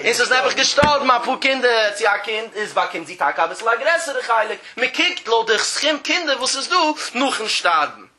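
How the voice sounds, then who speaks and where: A man's voice: very high-pitched, lively intonation, fairly quick, hardly any pauses, a crowd in the background. A man teaching a traditional study-hall lesson in a sing-song chant, drawing out phrases and acting out the voices of the people who argue over a debt. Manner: acts out the disputing parties in quoted voices. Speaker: Talmud teacher.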